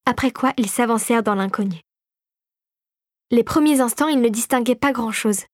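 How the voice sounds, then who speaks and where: A woman calmly narrating a storybook in a measured reading voice. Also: fairly high pitch, no echo, clean studio sound.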